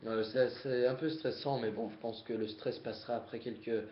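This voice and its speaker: A young man talking to his viewers on camera for the first time, nervous and rushed, with many fillers and self-corrections. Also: mid-range voice, fairly even intonation. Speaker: gaming YouTuber. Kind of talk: face-cam vlog talk. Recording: dull roomy home recording.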